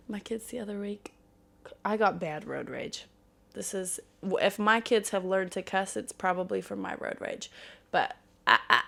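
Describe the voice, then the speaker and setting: Woman podcast host in her thirties, gravelly voice, candid and profane, loose casual chat. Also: mid-range voice, a bit bright. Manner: candid, swears freely, laughs often.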